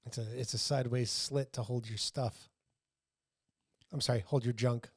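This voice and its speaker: A man co-hosting a podcast, delivering crude jokes in a deadpan way. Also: medium pitch, normal speed, slightly rough, no room sound, studio quality. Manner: deadpan, crude one-liners. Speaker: podcast co-host. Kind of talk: casual comedic banter.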